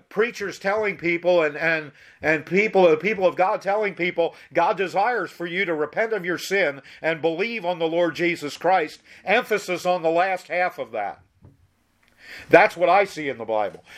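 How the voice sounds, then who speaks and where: Higher-voiced man preaching emphatically. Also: normal speed, fairly bright tone. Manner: emphatic, conversational, with many restarts. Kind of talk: sermon with Bible reading.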